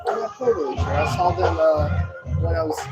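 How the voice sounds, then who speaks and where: Male color commentator, slightly high voice, agreeable, band music audible behind. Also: fairly quick. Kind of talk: local radio football commentary.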